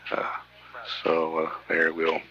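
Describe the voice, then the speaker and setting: Deep, halting male mission control announcer. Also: monotone, pushed and bright, dull audio. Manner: halting, measured, pausing mid-sentence. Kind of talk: live mission commentary. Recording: faint radio hiss.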